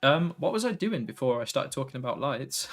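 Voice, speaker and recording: A man chatting casually on a live tech stream, relaxed and a little tired, reading viewer comments aloud and drifting between topics. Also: medium pitch, fairly quick, soft background music. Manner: relaxed, tired, easily sidetracked, reads chat aloud.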